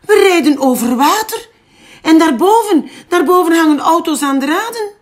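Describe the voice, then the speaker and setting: A woman's voice: extremely high pitch, expressive, normal speed, pitched above the performer's own voice. A woman reading a picture book aloud, voicing a small male frog who squeals with wonder on his first trip. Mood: thrilled.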